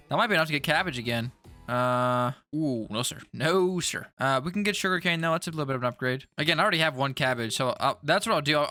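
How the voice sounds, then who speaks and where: A man's voice: on the high side, bright, forceful tone. Jittery young man rambling over gameplay. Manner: rambling, stuttery, self-talk with repeated words. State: jittery from an energy drink. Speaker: gaming YouTuber. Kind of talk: casual gameplay commentary.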